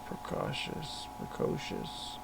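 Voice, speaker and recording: A podcaster thinking aloud while editing a story, muttering and correcting words as they go. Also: slow. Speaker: podcaster and writer. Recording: noisy room with constant hum.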